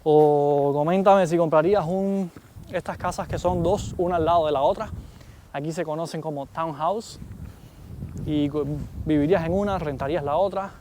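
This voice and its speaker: A man's voice: a little high, steady tone, normal speed, dark tone, slight background noise. Chatty Cuban man vlogging. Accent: Cuban Spanish. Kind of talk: casual chat to camera.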